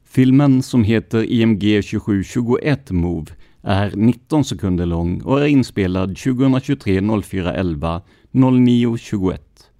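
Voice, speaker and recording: A man hosting a true crime podcast, reading police records in a measured, scripted narration. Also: on the low side, mellow, dry recording, studio quality. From Sweden.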